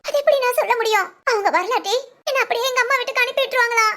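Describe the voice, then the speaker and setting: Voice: very high-pitched, very fast, bright, forceful tone, full character voice. A performer voicing a frightened young married woman in a cartoon family drama, pleading and anxious. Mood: fearful. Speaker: daughter-in-law.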